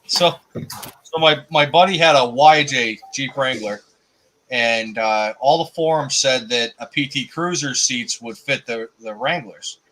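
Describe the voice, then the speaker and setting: A man's voice: medium pitch, measured pace, fairly bright tone, a little hiss or hum, poor audio. A man hosting a casual chat, telling a story with animation and laughing at himself.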